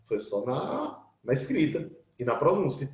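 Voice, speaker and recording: A man's voice: on the high side, unhurried. A man teaching an English grammar class online, acting out his students' questions as he explains. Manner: lively, voices imagined student questions. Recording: echoey room.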